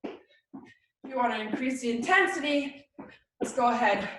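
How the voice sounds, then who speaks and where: A woman's voice: a little high, lively intonation, unhurried, a bit bright, slight background noise. A woman fitness instructor coaching a live workout in short, encouraging cues and countdowns. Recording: very echoey room, distant mic.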